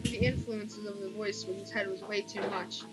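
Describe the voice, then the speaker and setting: A woman's voice: medium pitch, flat delivery, moderate pace, poor audio. A young woman reading a horror story aloud in a casual way, often stumbling and restarting lines. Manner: reads with frequent stumbles and restarts. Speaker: creepypasta reader. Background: background music.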